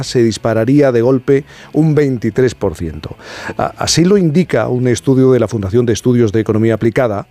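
A man hosting a radio talk show, explaining statistics in a measured way. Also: medium pitch, mellow. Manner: measured, explanatory, cites figures. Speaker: radio host.

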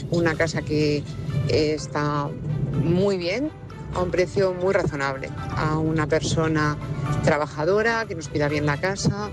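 Woman calling in, explains slowly, music clearly in the back. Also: low-pitched. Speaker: caller.

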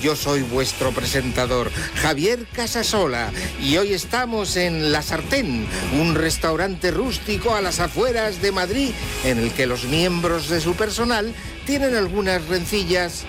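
Man playing a showy, high-pitched TV host. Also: expressive, a little slow. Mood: upbeat presenting. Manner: theatrical, goading. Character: pushy, showy male TV restaurant-makeover host. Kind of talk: audio drama acting, TV presenter narration. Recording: music under the voice.

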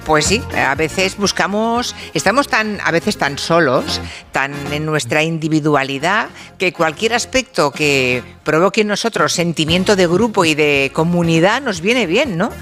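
A woman's voice: fairly low pitch, animated, unhurried, a bit bright, soft background music. A woman hosting a live radio talk show, reflective and engaging with the audience. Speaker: radio host.

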